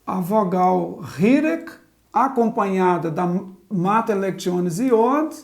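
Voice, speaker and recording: A woman's voice: mid-range voice, expressive, takes it slowly. A woman teaching a Biblical Hebrew grammar lesson at a chalkboard, methodically spelling out letters and vowels one by one. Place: classroom with a chalkboard.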